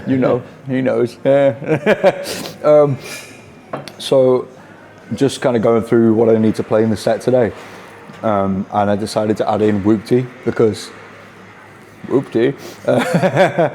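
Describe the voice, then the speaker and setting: Young man talking to camera in a casual vlog, upbeat and loose, sprinkling in swear words and laughs. His voice sits at an ordinary middle pitch, with street and traffic noise audible clearly behind him. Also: mellow. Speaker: DJ and vlog host.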